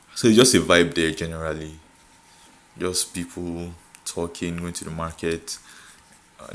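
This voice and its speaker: A young man from Nigeria with a Nigerian accent, chatting casually to camera, laughing often and filling with "like". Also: low voice. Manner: laughs often, code-switches, repeats filler "like". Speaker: vlogger.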